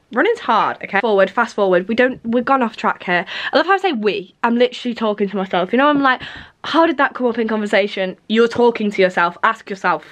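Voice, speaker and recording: A woman's voice: mid-range voice, fairly bright tone. A woman in her twenties chatting casually to camera at home in a rambling, self-mocking way. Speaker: vlogger. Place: at home, indoors.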